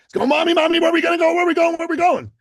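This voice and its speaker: A man voicing a hyper, excited twelve-year-old boy who keeps asking the same eager question. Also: extremely high pitch, rapid-fire, dry recording, clean studio sound, voice pushed up.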